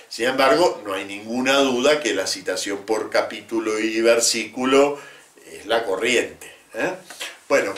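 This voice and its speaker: A man teaching about the Bible in a measured lecture, often adding short tag questions. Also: medium pitch, a bit bright. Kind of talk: explanatory lecture. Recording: roomy echo.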